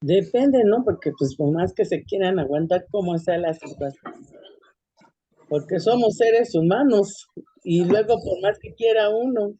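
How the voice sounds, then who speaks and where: Woman, husky voice, very dark tone, hesitant student answer, muffled lo-fi audio. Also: mid-range voice, unhurried. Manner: hesitant, searching for words. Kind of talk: answering in class.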